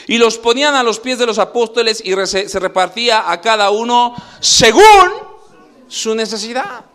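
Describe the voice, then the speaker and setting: A male pastor preaching a sermon, animated, acting out little scenes as he goes. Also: high-pitched. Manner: animated preaching, acts out scenes with shifting voices.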